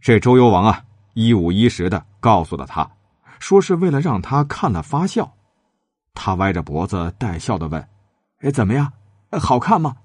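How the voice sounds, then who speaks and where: A man tells an old tale, his low husky voice rising and falling with lots of movement. The recording is dry and close. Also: moderate pace, no echo. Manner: lively, dramatic, shifting pitch for characters. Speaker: storyteller. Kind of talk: storytelling narration with acted character lines.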